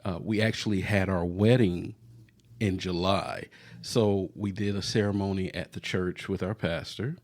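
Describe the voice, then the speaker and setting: A man's voice: deep voice, fairly even intonation, a little slow, a little mellow. A man in his forties hosting a casual podcast chat with his wife, easygoing and laughing often. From Florida, US. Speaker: podcast host.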